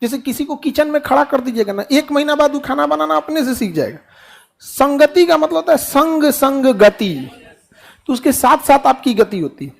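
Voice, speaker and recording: A man's voice: extremely high pitch, big pitch swings, moderate pace, vocal fry. A middle-aged man giving a classroom motivational talk to students, full of rhetorical questions and playful mimicked dialogue. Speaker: teacher addressing students.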